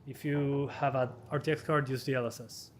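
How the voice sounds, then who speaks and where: A man in his twenties, slightly hoarse, casually answering viewer questions on a live stream as a hardware tester with quick chuckles. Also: mid-range voice, steady tone, slight background noise. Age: 20s.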